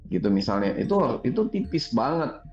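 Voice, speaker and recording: A man, a spiritual teacher explaining ideas in a relaxed, chatty way and laughing often. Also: medium pitch, a little fast, soft background music. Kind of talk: casual conversational teaching. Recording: roomy, slightly dull recording.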